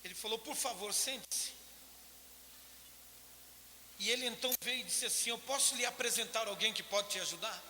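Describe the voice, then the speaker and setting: A man's voice: high voice, normal speed, pauses often, sharp tone, a little hiss or hum. A man with a Brazilian Portuguese accent giving an emotional personal testimony in church, acting out the voices of people in his story. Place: church hall. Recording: echoey church hall, live stream.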